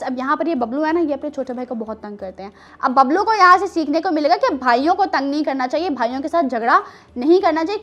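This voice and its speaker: A woman with a high, slightly bright voice hosts a children's show, telling stories and chatting playfully with kids. Her manner is teacherly and teasing, full of questions.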